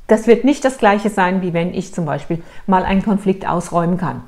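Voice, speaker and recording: A middle-aged woman therapist telling a client's case to a video audience, asking questions and answering them herself, sometimes dropping to a hush. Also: lowish voice, brisk. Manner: lively, rhetorical questions, answers herself, dramatic drops to a hush. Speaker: therapist in private practice.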